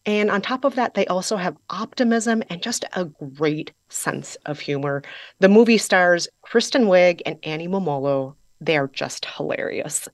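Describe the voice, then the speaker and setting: A woman's voice: lowish voice, animated, normal speed, no room sound, clean studio sound. A woman with a Midwestern American accent, a culture critic recommending a movie on the radio with enthusiasm.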